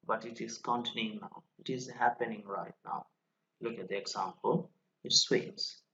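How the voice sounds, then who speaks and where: A man teaching English grammar in an online lesson, slowly explaining rules and reading example sentences aloud. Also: medium pitch, vocal fry, bright, forceful tone, lo-fi sound.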